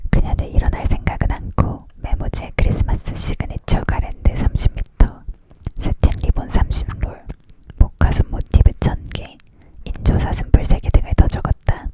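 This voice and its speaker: A narrator reading a storybook aloud as an ASMR audiobook, leaning in to whisper in a hushed voice. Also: moderate pace.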